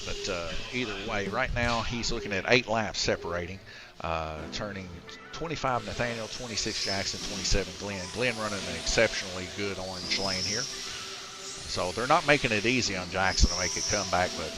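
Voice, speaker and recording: A man's voice: on the low side, moderate pace, poor audio. A man giving casual, chatty live race commentary at a slot car raceway, with many filler words. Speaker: race commentator and track host. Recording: music playing underneath.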